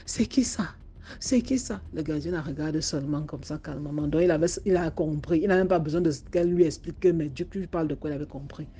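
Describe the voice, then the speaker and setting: Woman telling a spooky story, low mellow voice, lots of restarts. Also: fast talker, hardly any pauses, a little hiss or hum. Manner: animated, many restarts and repetitions. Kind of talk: casual spoken storytelling.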